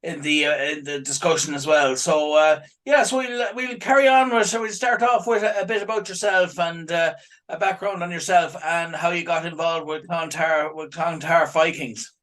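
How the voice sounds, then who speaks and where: Male radio host, higher-pitched, stumbles through long questions. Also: steady tone, normal speed, fairly bright tone. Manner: rambling, stumbling repeats. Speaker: sports radio host and physio. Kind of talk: radio interview.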